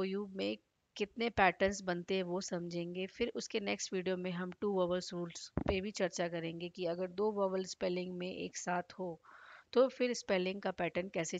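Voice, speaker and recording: A woman's voice: mid-range voice, no echo, muffled recording. A woman teaching a phonics lesson, sounding out letters one at a time and then blending them into whole words. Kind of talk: slow step-by-step phonics lesson.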